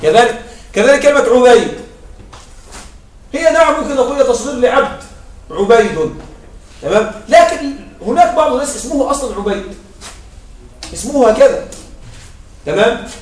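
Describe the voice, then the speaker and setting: High-voiced man teaching in an echoey room. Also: expressive, brisk, pauses often. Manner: repeats points and checks understanding with short questions. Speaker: Arabic grammar teacher. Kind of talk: classroom lecture. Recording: echoey room, mic far off.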